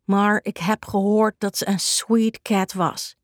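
A woman's voice: medium pitch, fairly even intonation, takes it slowly, dry recording, studio quality, natural voice. A woman voicing a cool, laid-back male cat who slips English words into his talk in a children's story. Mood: casual. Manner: casual, drops English words.

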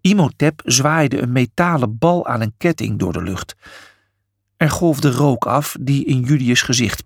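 A man reading a children's story aloud, with an expressive delivery. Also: mid-range voice, slightly rough, no room sound, clean studio sound. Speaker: narrator.

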